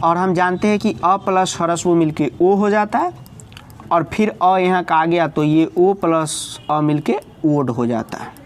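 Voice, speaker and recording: High-voiced male teacher explaining grammar. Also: unhurried, a little hiss or hum. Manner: repetitive, addresses students often, corrects own slips.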